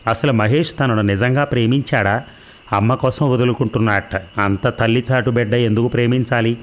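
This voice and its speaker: A man narrating a novel in a steady storytelling manner. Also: medium pitch, brisk. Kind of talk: audiobook novel reading.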